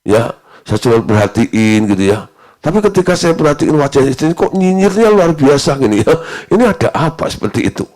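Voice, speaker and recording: A middle-aged Indonesian male pastor preaching with lively storytelling, often mimicking the voices of people in his anecdotes. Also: a little high, fairly quick. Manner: animated, mimics voices in anecdotes, frequent "ya" and "nah". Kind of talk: sermon with storytelling.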